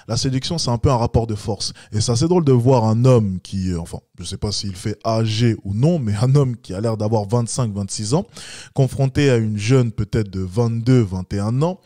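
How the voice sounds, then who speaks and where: A man's voice: moderate pace, dark tone, dry recording. Blunt male dating coach, dry sound. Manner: blunt, lecturing, mocks with high-pitched imitations. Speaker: dating coach reacting to a street video. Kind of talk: reaction commentary.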